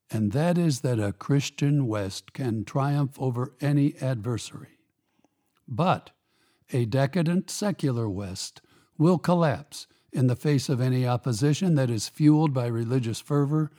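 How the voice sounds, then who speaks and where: A man reads a scripted opinion commentary as a radio program's host. His voice sits at an ordinary pitch with a dark, mellow tone. He delivers each point in a measured, emphatic, pointed way.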